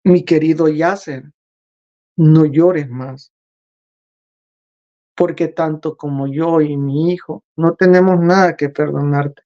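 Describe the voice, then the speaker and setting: Man doing calm divine father voice, very slow, soft, solemn, muffled recording. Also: a little high.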